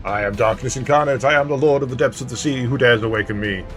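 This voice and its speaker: A man voicing an ancient evil sea lord in a video game, with slow, theatrical villain menace. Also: mid-range voice, a bit bright, natural voice. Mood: menacing, boastful. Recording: music behind the voice.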